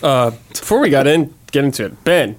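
Podcast host, man with an average pitch, friendly and dryly joking. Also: big pitch swings, a little fast. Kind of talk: casual chat.

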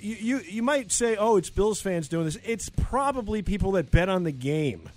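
A male host runs through sports news in a slightly high voice. He keeps it casual and conversational, dropping wry, sarcastic asides between items. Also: lively intonation, moderate pace, faint music behind. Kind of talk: casual radio-style sports news with banter.

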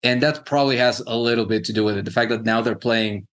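A man co-hosting a casual sports podcast, halting with frequent restarts and fillers. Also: mid-range voice, a bit bright. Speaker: podcast co-host.

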